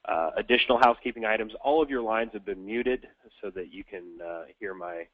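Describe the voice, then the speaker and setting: A deep-voiced man with a nasal, stuffed-up sound from a cold presents a business webinar. He talks haltingly, with lots of filler sounds. The audio is dry and tinny, like a phone line. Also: dry recording. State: congested from a cold.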